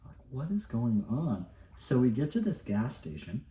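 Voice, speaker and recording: A man's voice: mid-range voice, very animated, moderate pace, mellow. A man co-hosting a vlog, telling a story casually with laid-back, dry asides. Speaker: vlog co-host. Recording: echoey room, distant mic, faint hiss.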